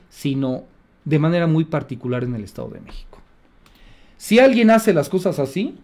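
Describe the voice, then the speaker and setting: Mexican male radio commentator, indignant and mocking, voice sits high. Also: mellow. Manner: sarcastic, indignant. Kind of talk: opinion commentary broadcast.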